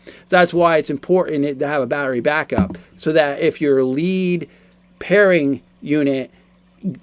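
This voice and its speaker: A man in his forties with a smooth, fairly high voice casually explains a product in a review with no echo. He speaks haltingly and repetitively.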